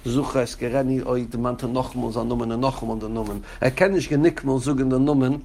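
A man's voice: medium pitch, fairly even intonation, fast talker, gravelly, dark tone. A man teaching a Torah class as a rabbi, speaking directly to his students and chanting quoted texts in a raised, sing-song voice. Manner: addresses students directly by name.

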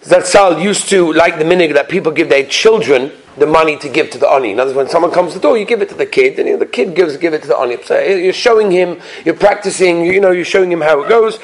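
A man's voice: a little high, fast, few pauses, poor audio. A man with a Yiddish-influenced American accent teaching a religious class as a rabbi, in a sing-song questioning manner with emphatic repetition. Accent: Yiddish-influenced American English. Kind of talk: animated religious lesson with rhetorical questions.

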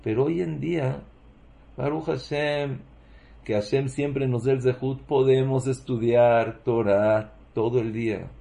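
A man's voice: mid-range voice, dark tone. A man giving a Torah lecture in Spanish, posing rhetorical questions and leaning hard on emotional emphasis. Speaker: Torah teacher.

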